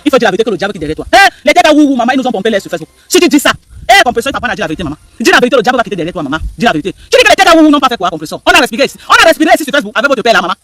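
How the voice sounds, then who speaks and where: A man's voice: extremely high pitch, sing-song, racing, a bit bright, no echo. A man giving heated live-stream commentary, repeating himself and firing rhetorical questions at the audience. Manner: emphatic, repetitive, rhetorical questions to viewers.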